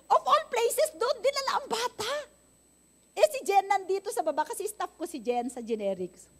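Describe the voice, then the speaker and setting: An older woman pastor telling a testimony in a sermon, animated and laughing, mixing in English phrases. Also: very high voice, normal speed. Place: church.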